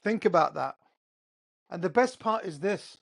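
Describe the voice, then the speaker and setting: This solo podcast monologue comes from its male host, who has an English accent and was born in Qatar before growing up in England. His voice is high, expressive, and creaky with a fairly bright tone, and he takes his time while pressing his points hard and throwing out rhetorical questions.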